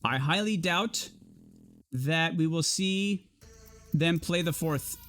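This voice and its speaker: A man with a high, bright-sounding voice calls a live esports match as host. He gets excitable and chatty, talking through what he sees as he goes. Faint music plays underneath. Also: slow pace. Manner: excitable, thinks aloud, chatty. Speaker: tournament caster and host.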